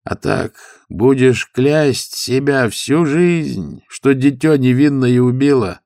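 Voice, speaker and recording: A man voicing a gruff, sharp-tongued monastery stoker who scolds and mocks. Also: medium pitch, slow pace, dry recording, studio quality, pitched above the performer's own voice. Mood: stern. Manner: rough, scolding, mocking.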